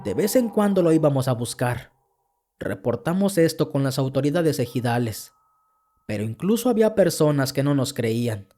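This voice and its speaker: A man telling a first-person horror story as a podcast narrator, earnest and steady. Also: medium pitch, normal speed.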